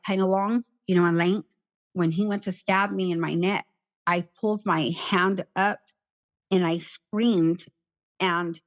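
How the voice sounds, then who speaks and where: A middle-aged woman recounting her past in an interview, in a plain, halting way with many "like" fillers. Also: lowish voice, dull audio. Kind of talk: personal account in conversation.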